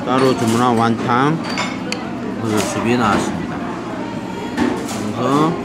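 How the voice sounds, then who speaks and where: A man narrating a casual food vlog from inside a restaurant, talking slowly with drawn-out pauses. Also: medium pitch, very noisy. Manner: slow, drawn-out speech with pauses. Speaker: food vlogger. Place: indoors in a restaurant.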